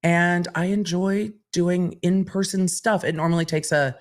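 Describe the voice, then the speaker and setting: The host of a legal commentary livestream, she has a fairly low pitch and a measured pace. She reads out audience questions and answers with candid, conversational, even explanations.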